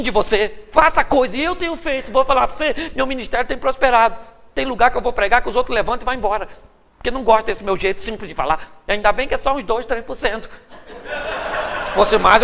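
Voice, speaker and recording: A Brazilian Portuguese-accented pastor delivers a sermon before a crowd, playful and animated, acting out every quote. His voice sits very high with a gravelly edge. The sound carries the long reverb of a large hall. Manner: humorous, animated storytelling with acted quotes.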